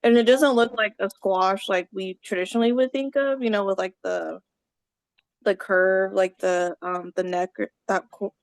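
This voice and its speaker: On a video call, a female co-host of a casual online meetup rambles and searches for the right words. Her mid-range voice has fairly even intonation and a normal speed, and the recording is dry.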